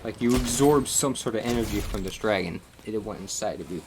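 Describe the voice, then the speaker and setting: A man's voice: on the low side, a little fast, noisy background. A man chatting casually on a live stream, rambling and swearing as he recaps a game, laughing often.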